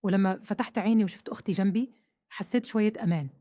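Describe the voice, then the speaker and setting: A woman's voice: mid-range voice, very fast, dark tone, no echo. A woman narrating a first-person audio story in an earnest tone.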